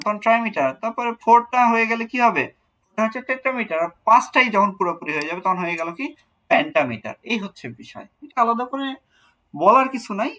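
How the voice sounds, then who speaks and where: Bright-voiced Bangladeshi male teacher. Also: high-pitched, low-quality recording. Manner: explains step by step, repeats words, asks rhetorical questions. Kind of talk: online class lecture with Q&A.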